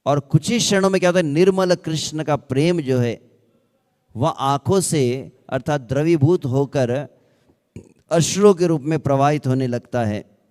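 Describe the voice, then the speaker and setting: A man preaching at an unhurried pace, his voice fairly high and smooth. He keeps asking his listeners questions and sometimes draws out verses in a slow chant. His words ring with the long reverb of a large hall. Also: a little mellow. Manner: asks rhetorical questions. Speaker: ISKCON speaker. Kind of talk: Hindi devotional discourse.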